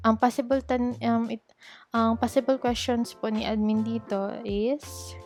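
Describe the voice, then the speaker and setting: A woman's voice: a little high, level tone, moderate pace, a little mellow, faint music behind. A woman with a Filipino accent, an English tutor walking learners through a teaching demo step by step, politely switching between Tagalog and English. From Philippines. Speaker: online English tutor giving advice. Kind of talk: explanatory tutorial walkthrough.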